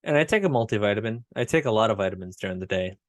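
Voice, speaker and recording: Podcast co-host, male, low-pitched, blunt and self-deprecating, dry close mic. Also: lively intonation, very fast, no room sound. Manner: blunt, self-mocking, swears casually. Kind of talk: casual chat.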